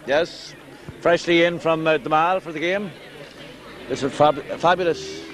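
A man's voice: fairly high pitch, measured pace, a bit bright, a little hiss or hum. A middle-aged man with a Donegal Irish accent talking casually, wry and hesitant, to a camcorder outdoors. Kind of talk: casual talk to camera. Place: outdoors in a town street at night. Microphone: camcorder at close range. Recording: amateur camcorder amid street crowd.

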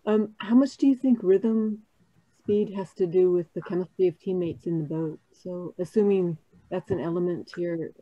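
A woman's voice: on the low side, no room sound, dull audio. A woman moderating a panel on a video call, asking questions in a polite, tentative way. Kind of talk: casual panel discussion.

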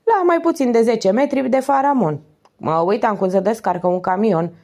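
A woman reading aloud and voicing a loud, cheeky male vagrant who talks with easy familiarity. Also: a little high, pitched above the performer's own voice.

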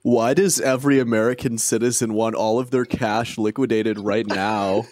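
A young man in casual, joking banter with friends over a voice chat, sarcastic and animated, swearing freely. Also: mid-range voice, normal speed, no echo, clean studio sound. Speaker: friend in a group debate.

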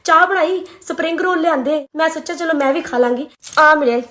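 A woman's voice: sits high, brisk, sharp tone. A woman with a Punjabi accent complaining sulkily in a comedy sketch. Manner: sulky, complaining. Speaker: sketch actor playing a complaining wife.

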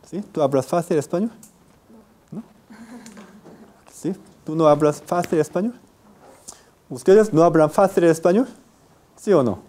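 A man's voice: a little high, dark tone. A man teaching Spanish phonetics in a university class. He repeats example words and quizzes his students. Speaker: university Spanish phonology lecturer. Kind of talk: classroom lecture with questions to students. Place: university lecture room.

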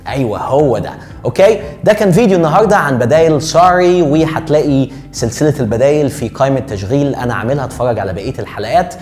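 A young Egyptian man with an Egyptian Arabic accent, teaching English phrases in a joking, slangy way and drawing out the examples slowly. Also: mid-range voice, lively intonation, a little mellow. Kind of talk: casual online English lesson. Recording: faint music behind.

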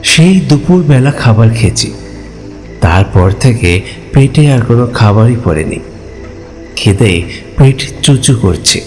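A man with a mid-range voice plays a hungry village traveler who is stranded, telling his ghost story through first-person narration and dialogue. His lightly acted delivery is expressive, polite and conversational, with a weary mood.

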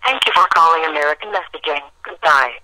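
A man's voice: on the high side, fast talker, bright, forceful tone. A man's recorded announcer voice giving a formal, clipped paging system prompt, heard over a landline phone played from a handset speaker. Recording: noisy, distant phone handset audio.

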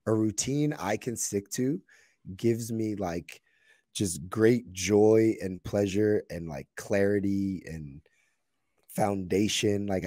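A man in his thirties co-hosts a casual podcast, his lowish voice raspy and hoarse from a recently lost voice. He talks in relaxed, reflective run-on thoughts. The sound is dry and close, with little room around it. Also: dry recording. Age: 30s. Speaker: podcast co-host.

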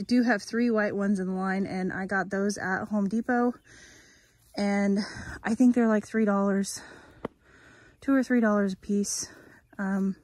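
A woman's voice: medium pitch, a little mellow, no room sound. A woman chatting casually and folksily into a handheld phone as she works outdoors, narrating what she does. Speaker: homestead vlogger. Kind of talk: casual outdoor vlog chat. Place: outdoors in a rural pasture. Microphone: handheld phone held by the speaker. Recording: noisy outdoor handheld recording, rural background.

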